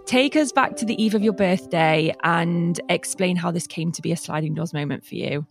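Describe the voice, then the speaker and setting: A woman's voice: lowish voice, moderate pace, creaky, soft background music. A woman hosting a podcast, interviewing in an informal, conversational way and rephrasing her questions as she goes. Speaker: podcast host.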